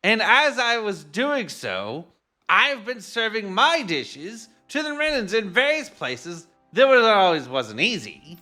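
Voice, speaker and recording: A man voicing a pompous wandering male foodie chef, lofty and excitable, raising his voice well above his own. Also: high-pitched, slow, pitched above the performer's own voice, exaggerated voice.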